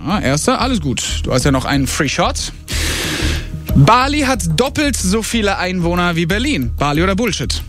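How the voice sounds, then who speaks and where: A male radio host running an on-air quiz game with a caller, energetic and slangy, dropping in English words. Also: sits high, normal speed, over music. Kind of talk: upbeat radio game show hosting.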